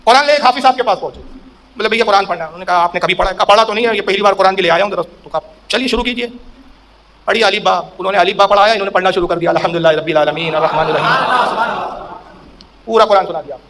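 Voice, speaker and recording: A man's voice: high voice, fairly bright tone. A man preaching a sermon in a storytelling way, acting out quoted speech with a raised voice.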